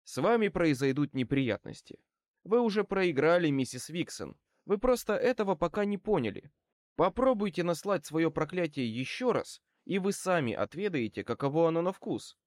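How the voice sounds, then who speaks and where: A man reading an audiobook as a male wizard private eye who speaks wryly and with calm menace. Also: fairly high pitch, moderate pace, no room sound, clean studio sound, pitched above the performer's own voice. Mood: wry, cool. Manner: wry, calmly threatening.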